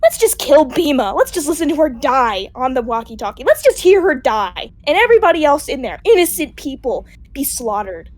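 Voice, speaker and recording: A woman's voice: sits high, big pitch swings, brisk, few pauses, a little mellow, no echo. A woman playing a sarcastic, bitter princess. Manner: sarcastic, accusing, mocking. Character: bitter grieving young princess, sharp-tongued. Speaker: roleplay actor. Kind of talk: Minecraft roleplay acting.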